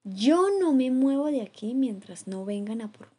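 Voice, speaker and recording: A woman voicing a timid, stubborn cat stuck up a tree, speaking its thoughts quietly in a storybook reading. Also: fairly high pitch, expressive, moderate pace, slightly rough. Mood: worried.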